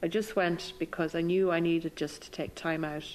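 A woman with an Irish midlands border accent from Cavan, telling personal memories in a thoughtful, halting way. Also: fairly low pitch, steady tone, a little hiss or hum. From County Cavan, Ireland. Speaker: interviewee recalling own life. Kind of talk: reflective personal storytelling.

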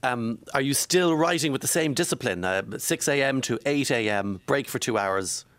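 A man's voice: mid-range voice, lively intonation, moderate pace, fairly bright tone, no echo. An Irish man hosting a chatty interview in a teasing, wry manner. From Ireland. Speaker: radio show host.

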